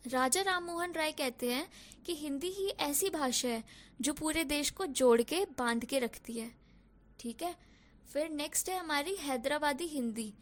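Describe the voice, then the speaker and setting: A young woman teaching a language lesson, explaining step by step and often checking in with short asides. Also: sits high. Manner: mixes English words into Hindi, checks in with "ok" and "theek hai".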